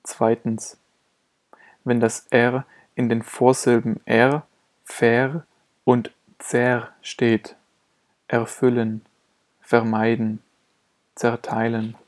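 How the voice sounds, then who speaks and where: A man's voice: medium pitch, level tone, extremely slow. A man reading a scripted German pronunciation lesson, carefully articulating example words one by one. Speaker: pronunciation teacher.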